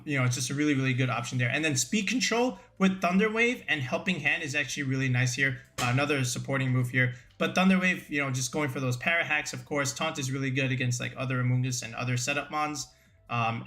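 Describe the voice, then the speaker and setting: Man, bright voice, slightly high, casual game commentary, energetic, lots of fillers. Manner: energetic, filler-heavy, keeps saying "right?". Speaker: competitive Pokemon content creator.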